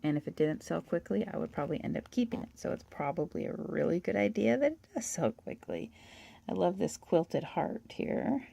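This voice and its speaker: A woman hosting a toy-collecting channel, chatting and gushing through a catalog in a hoarse voice. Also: lowish voice, very animated, normal speed, warm tone. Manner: chatty, gushing, with little laughs. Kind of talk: casual show-and-tell of a toy catalog.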